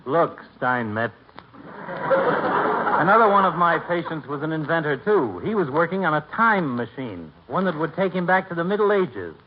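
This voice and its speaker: Doctor Gamble, sardonic, animated radio doctor. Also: male voice, on the high side, normal speed. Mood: deadpan teasing. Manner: wry, wordy mock politeness. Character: dry, sardonic middle-aged family doctor, trading insults. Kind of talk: 1940s radio comedy acting. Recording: dull, noisy 1940s radio recording.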